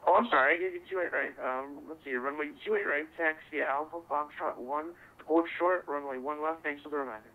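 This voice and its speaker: A man's voice: fairly high pitch, fairly quick, hardly any pauses. A man working as an air traffic controller over radio, giving procedural instructions in clipped, courteous phrases. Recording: tinny narrow-band radio voice link.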